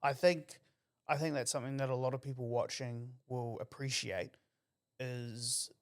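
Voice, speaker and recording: A man's voice: medium pitch, fairly even intonation, moderate pace. A man with a New Zealand accent hosting an interview, asking long, rambling questions in a chatty way. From Auckland, New Zealand. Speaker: podcast host. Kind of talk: casual interview.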